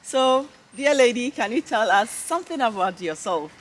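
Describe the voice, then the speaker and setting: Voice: mid-range voice, expressive, normal speed. An interview host talking straight to viewers, enthusiastic and full of repeated "wow". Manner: enthusiastic, says "wow" often, addresses viewers. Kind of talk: casual interview.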